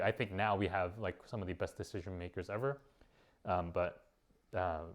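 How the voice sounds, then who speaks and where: A man giving casual vlog advice as a business owner, rambling with many fillers and restarts. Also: low-pitched.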